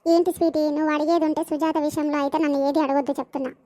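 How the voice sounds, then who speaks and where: A woman's voice: high-pitched, steady tone, very fast, dark tone, lightly acted. A woman voicing a stern middle-aged mother, lecturing and scolding. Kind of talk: animated village comedy voicing.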